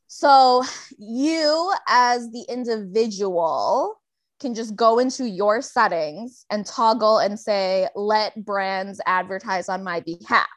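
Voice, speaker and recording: A woman co-hosting a podcast, chatting excitedly and laughing often. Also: medium pitch, slow pace. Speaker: podcast co-host. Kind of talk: casual chat.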